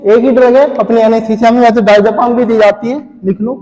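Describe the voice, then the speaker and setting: Guy teaching pharmacy, really high voice, keeps asking and answering himself, echoey hall sound. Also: level tone, fairly quick, dark tone. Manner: repetitive quizzing, asks then answers himself. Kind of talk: classroom lecture.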